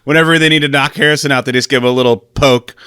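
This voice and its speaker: A man's voice: medium pitch, fairly even intonation, rapid-fire, bright, forceful tone, smooth, no echo, studio quality. A man co-hosting a podcast, bluntly mocking the plot and swearing casually. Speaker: podcast co-host. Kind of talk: casual chat.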